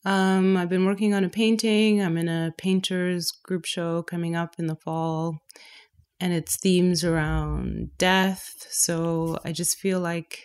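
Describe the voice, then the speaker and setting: A woman's voice: fairly low pitch, slow pace, clear, resonant tone. A woman from Canada, a painter, talking casually in an interview and laughing often. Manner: laughs often, relaxed and chatty. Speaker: guest painter.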